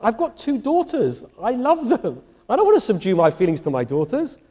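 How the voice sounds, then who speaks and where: A middle-aged man gives a university lecture as a rabbi, swinging his pitch widely as he acts out each exchange. His voice is mellow and fairly high for a man. It rings with the long reverb of a large chapel. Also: normal speed. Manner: animated, acts out dialogue in voices. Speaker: rabbi giving a public lecture.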